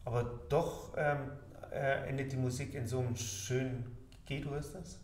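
A man hosts a relaxed talk with musicians at an ordinary pitch, asking questions with frequent ums. The sound is roomy with a faint hiss. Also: measured pace. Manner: conversational, asks questions with many fillers. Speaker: pianist host. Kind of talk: casual interview talk. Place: living room with a piano and plants. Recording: echoey room, faint hiss.

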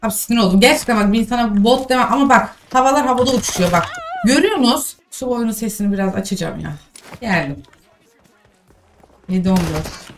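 A woman's voice: a little high, expressive, fast talker. A young woman streaming a mobile shooter, commenting live in exasperated, scolding remarks. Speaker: game streamer. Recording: distant mic with game noise.

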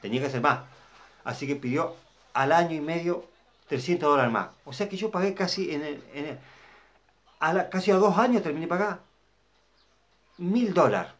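A man's voice: on the high side, moderate pace, long pauses, a bit bright. Man telling a story. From Argentina. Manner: rambling, repeats himself, asks viewers if they follow. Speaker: channel host. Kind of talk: personal storytelling to camera.

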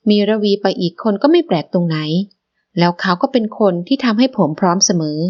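A woman reading an audiobook, voicing a calm, firm young man who speaks level and emphatic. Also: medium pitch, a little fast, dull audio, lightly acted.

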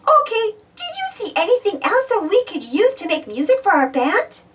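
A woman's voice: very high voice, sing-song, normal speed, fairly bright tone, distant mic, voice pushed up, exaggerated voice. A woman voicing a cheerful, eager talking bar of soap in a children's storybook, exclaiming with enthusiasm. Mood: excited, eager. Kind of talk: children's storybook read-aloud.

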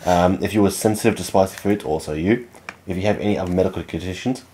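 A man's voice: sits low, fast talker, warm tone. A young Australian man hosting a casual challenge video, teasing his friend in a dry, matter-of-fact way. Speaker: host. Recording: noticeable background noise.

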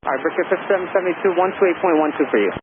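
Male tower controller, slightly high-pitched and rapid, air traffic control radio instructions through a tinny channel. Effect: aviation radio.

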